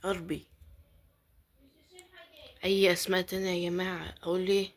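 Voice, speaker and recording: A woman's voice: fairly low pitch, flat delivery, moderate pace. A woman with an Egyptian accent giving casual gameplay commentary, pleading and muttering prayers, often dropping to a whisper. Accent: Egyptian Arabic. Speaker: gaming YouTuber.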